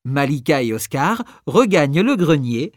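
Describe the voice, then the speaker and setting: A woman narrating a children's story with a lively, expressive delivery. Her voice sits a little low and moves widely in pitch. Close, dry recording. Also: moderate pace, no echo. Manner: expressive, acts out each character.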